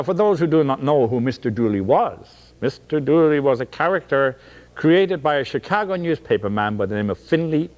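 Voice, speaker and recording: A man's voice: medium pitch, darkish tone. A middle-aged man with a Dublin Irish accent, a stage actor chatting in an interview with frequent ums and restarts. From Ireland. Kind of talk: casual interview talk.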